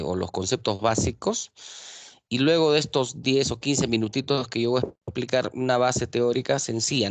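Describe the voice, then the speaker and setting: A male teacher giving an online class on a video call. He explains rules slowly and keeps checking that his students follow. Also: mid-range voice, creaky, dry recording.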